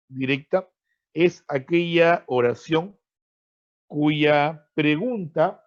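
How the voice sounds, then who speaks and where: A man with a Peruvian Spanish accent teaching an online pre-university grammar class, explaining with frequent tag questions and repetitions and fondly addressing his students as freshmen. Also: fairly high pitch. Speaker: language teacher. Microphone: video call. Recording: dull lo-fi online-class audio.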